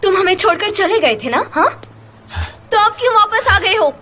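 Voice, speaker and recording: A woman's voice: extremely high pitch, normal speed, sharp tone, a little hiss or hum. A woman dubbing a tough, defiant young woman who looks after her siblings, in a dubbed TV drama. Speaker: dubbing actor. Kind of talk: Urdu dub of a TV drama.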